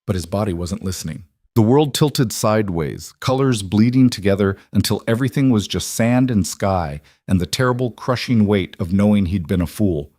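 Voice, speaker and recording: A man's voice: on the low side, moderate pace, dark tone, no echo, studio quality. A man reading a dramatic western story as scripted narration.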